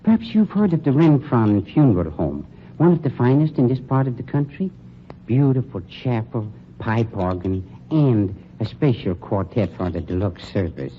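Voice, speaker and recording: Heard through a muffled 1940s radio broadcast with faint hiss, a male actor voices a suave, menacing undertaker who runs a funeral home. His mid-range delivery is lightly acted, coldly polite and drawn out, with lively intonation at a moderate pace.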